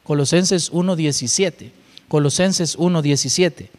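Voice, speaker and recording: A man's voice: a little high, a little slow, darkish tone, in a large hall. A man preaching a sermon, explaining scripture and asking his listeners rhetorical questions.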